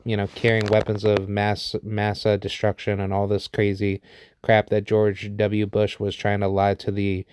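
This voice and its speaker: A man's voice: lowish voice, completely flat delivery, moderate pace, a little mellow, slight background noise. A man in his thirties from the United States giving an unscripted opinion monologue. He rambles, with many fillers and restarts. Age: 30s. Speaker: vlogger sharing opinions.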